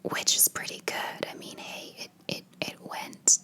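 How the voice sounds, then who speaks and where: A woman whispering in a hushed voice, chatting casually in a rambling ASMR style. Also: unhurried. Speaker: ASMR video creator.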